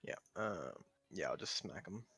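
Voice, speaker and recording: A man's voice: low voice, animated, a little slow, bright, forceful tone, slightly rough, dry recording. A man chatting casually and informally as a player in a tabletop game.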